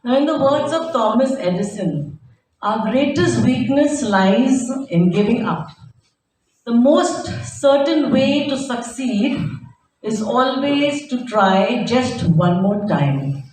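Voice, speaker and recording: A middle-aged or older woman gives a formal public speech as a competition judge, deliberately stressing her points. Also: on the high side, animated, a little mellow. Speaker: competition judge giving remarks. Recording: very echoey hall, distant, faint noise.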